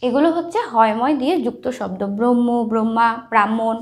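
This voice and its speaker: A woman with a voice on the high side talks fast as she teaches a lesson on writing and pronunciation. She explains step by step and frequently checks in with the listener.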